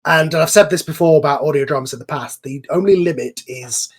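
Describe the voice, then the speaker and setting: On an online voice call, the host and creator of a series runs a relaxed group chat, going on at length in an eager, loose, meandering way. He has a husky, slightly high voice and talks fairly quickly.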